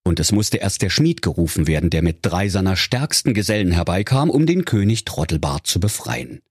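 A man's voice: lowish voice, slightly rough, dry recording. Brief: male storyteller, mock-solemn comic reading, dry close sound. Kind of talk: comic fairy-tale reading.

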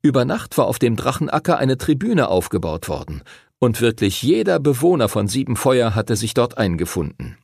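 A man narrating a fantasy audiobook with a husky, gravelly voice and a lively, expressive delivery. The recording is close and dry. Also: medium pitch, moderate pace, dry recording. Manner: expressive, storytelling.

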